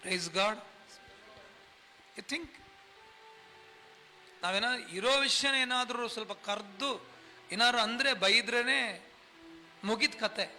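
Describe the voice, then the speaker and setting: A man, a pastor, preaching a sermon in short phrases with calls of hallelujah and amen, paused for an interpreter. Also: very high-pitched, bright, forceful tone, soft background music. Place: church hall. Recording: echoey church hall, faint room noise.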